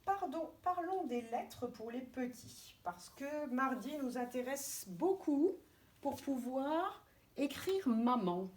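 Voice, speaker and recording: A woman kindergarten teacher with a French accent giving a remote lesson to young children, spelling out letters and syllables slowly and clearly. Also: high-pitched, animated, a little mellow. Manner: slow, deliberate, stretching out syllables and letters. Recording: distant mic with faint background noise.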